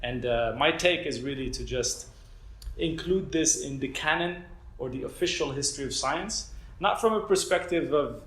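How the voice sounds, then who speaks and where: A man's voice: medium pitch, normal speed, a bit bright. A young man from Morocco, a PhD student, giving an informal talk to an audience, hesitant with many fillers and a self-deprecating manner. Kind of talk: informal lecture. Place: lecture room with an audience. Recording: echoey room, faint ambient noise.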